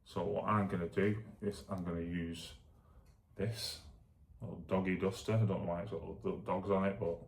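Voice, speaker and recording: A man with a gravelly voice chatting casually as a vlogger, thinking aloud in a self-deprecating, rambling way while demonstrating exercises. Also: deep voice, little pitch movement, normal speed. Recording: echoey room.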